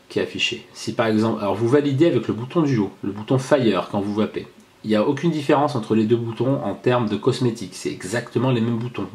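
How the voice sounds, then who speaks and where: A man talks through a gadget demo in an easy, rambling way. He pauses often, restarts his sentences and fills the gaps with hesitations. His voice sits at an ordinary middle pitch. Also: darkish tone. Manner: chatty, halting, many fillers and restarts. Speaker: product reviewer. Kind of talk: casual hands-on product demo.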